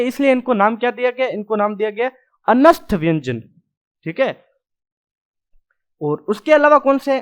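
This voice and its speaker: Male grammar teacher, fairly high voice, chalk-and-board lecture, drills the sounds aloud, keeps checking in students. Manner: drills sounds aloud, repeats "ठीक है" often. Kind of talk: classroom lecture at a whiteboard.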